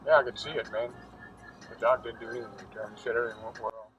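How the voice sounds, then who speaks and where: A man's voice: mid-range voice, fairly even intonation, very fast, fairly bright tone. A middle-aged man chatting casually in a laconic, matter-of-fact way, like a father reassuring his grown child. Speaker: father driving his son home. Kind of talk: casual conversation. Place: inside a car. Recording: muffled, distant, noisy car interior.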